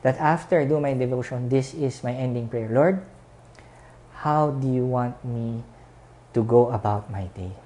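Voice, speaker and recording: Woman, Filipino accent, preacher, pulpit microphone, church, very deep voice, earnest, repetitive emphasis. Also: normal speed, mellow. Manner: earnest, repeats phrases for emphasis. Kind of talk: sermon and closing prayer.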